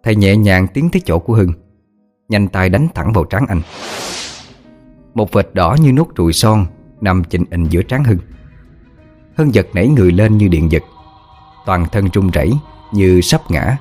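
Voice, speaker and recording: A man narrating an audiobook ghost story in a steady, dramatic way. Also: low voice, normal speed, long pauses, faint music behind.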